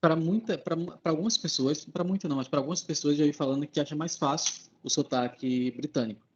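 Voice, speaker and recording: A man's voice: on the high side, brisk, a little mellow, husky, muffled recording. A man from Alagoas, Brazil, with an Alagoas accent, a guest in a casual conversation who explains his views step by step. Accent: Alagoas Brazilian Portuguese, with a drawn-out R.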